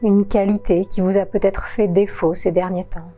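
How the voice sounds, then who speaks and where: A woman yoga teacher guiding a relaxation session in a calm, soothing voice-over with long pauses. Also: medium pitch, soft background music. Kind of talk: guided relaxation narration.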